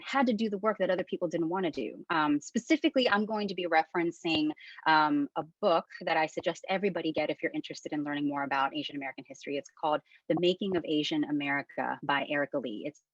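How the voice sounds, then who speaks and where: Woman, 30s, from the Philippines, webinar speaker; candid and conversational, slightly low voice, muffled lo-fi call sound. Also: no room sound. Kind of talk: informal webinar presentation. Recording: dull lo-fi dry call audio.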